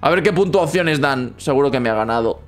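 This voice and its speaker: Brief: playful young man, excited game commentary, repeats words in bursts. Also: medium pitch, fairly quick, faint music behind. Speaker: gaming youtuber.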